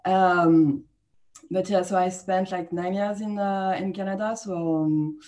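A French woman in her thirties, speaking with a French accent, chats casually as a podcast guest in an interview, laughing often and filling her speech with fillers. Her voice is medium-pitched and darkish, with fairly even intonation and a measured pace.

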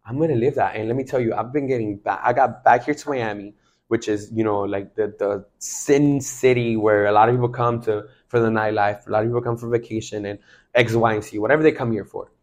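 A man in his twenties from Mexico, talking excitedly about faith in a casual chat, emphatic and full of slang fillers. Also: fairly low pitch, brisk. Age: 20s.

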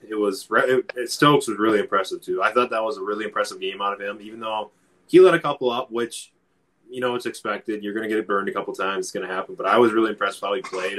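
A man's voice: on the low side, fairly bright tone. A man co-hosting a casual sports podcast, rambling through his thoughts with many fillers. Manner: rambling, lots of fillers and restarts. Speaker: podcast co-host.

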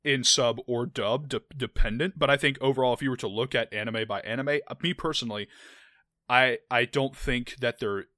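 Bright-voiced young man chatting about anime. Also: mid-range voice, normal speed, dry recording, studio quality. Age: young adult. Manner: rambling, many restarts and "like" fillers. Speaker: podcast co-host. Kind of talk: casual anime chat.

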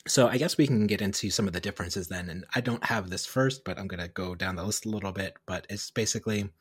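Low husky-voiced man chatting on a podcast. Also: no room sound, clean studio sound. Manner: animated, quick asides and self-corrections. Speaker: podcast co-host. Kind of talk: casual chat.

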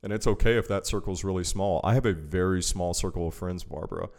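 A man hosting a podcast, chatting casually and getting animated when he stresses a point. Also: deep voice, fast talker. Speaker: podcast host. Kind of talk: casual chat.

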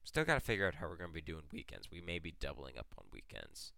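A man hosting a casual podcast in a groggy morning voice, warmly inviting listeners to join. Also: a bass voice, huge pitch swings, fast talker, creaky, no room sound, clean studio sound. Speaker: podcast host.

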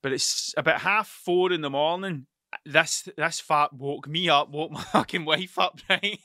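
Sweary stuttering man, bright voice. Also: on the high side, a little slow, no echo, studio quality. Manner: sweary, stuttering, restarts sentences. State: tired. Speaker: podcast host and mural painter. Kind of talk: rambling solo podcast monologue.

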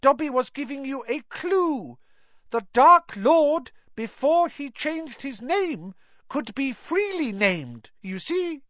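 A reader voicing a shrill, excitable male house elf who speaks of himself in the third person, in a storybook reading. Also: slow, no room sound, exaggerated voice. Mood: shrill excited. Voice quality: shrill, squeaky. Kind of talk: audiobook character voice. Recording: dry, slightly dull lo-fi.

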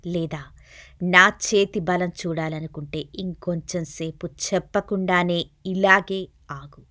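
A woman voicing a stern male crime inspector who speaks loudly and presses hard with questions and warnings. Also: on the high side, animated, measured pace, voice pushed up. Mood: threatening. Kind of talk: audiobook character reading.

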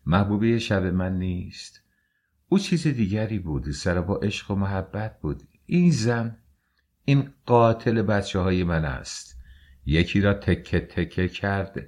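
A man narrating an audiobook in the first person, reading slowly with a grave, mournful delivery. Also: deep voice, a little mellow.

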